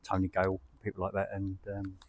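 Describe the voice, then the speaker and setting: A man's voice: low voice, completely flat delivery, quick pace. A man talks casually, as if showing visitors round a club. His delivery is understated and hesitant, with informal phrasing. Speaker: football club representative, tour guide. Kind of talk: casual spoken tour and interview answers.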